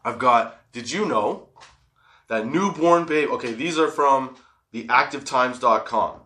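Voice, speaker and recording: A man's voice: medium pitch, a little slow, pushed and bright, soft background music. A man hosting a casual, comedic solo podcast, stoned and rambling, giggly, drawing out the odd word. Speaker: podcast host.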